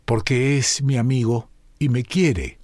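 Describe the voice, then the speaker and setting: A man voicing a small orphan boy who answers quietly and plainly. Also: mid-range voice, a little slow, dry recording, studio quality, close to an everyday voice. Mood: timid.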